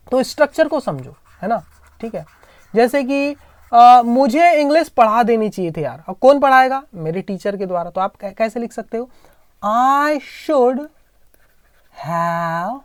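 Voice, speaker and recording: A woman's voice: fairly high pitch, no room sound, clean studio sound. Patient woman teaching grammar. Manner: patient, repetitive explaining with frequent tag questions. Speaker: English teacher. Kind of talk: explaining English grammar in Hindi.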